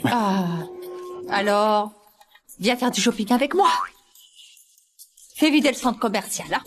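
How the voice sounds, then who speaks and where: A woman's voice: on the high side, expressive, a little slow, soft background music. A woman playing a doting, bossy, wealthy grandmother in a dubbed drama, fussing and insisting effusively. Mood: eager, indulgent. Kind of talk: dubbed short-drama acting.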